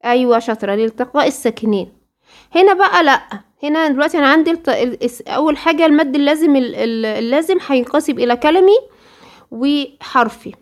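A high-pitched woman with an Egyptian accent leads a recitation lesson. She quizzes her students and then answers the questions herself. Now and then she slowly draws out example words. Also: animated. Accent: Egyptian Arabic. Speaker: Quran recitation teacher.

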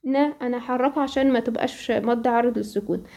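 A woman with an Egyptian accent teaching a Quran recitation lesson, asking questions and then answering them, and slowly reciting the examples. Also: on the high side, fairly even intonation, mellow. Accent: Egyptian Arabic. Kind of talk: tajweed lesson.

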